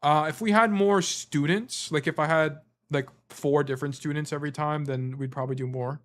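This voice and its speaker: As a stream host and game coach, he rambles casually through a gameplay review, filling his explanations with fillers while his voice wears out. The pitch is on the high side, the tone steady and fairly bright, the pace moderate.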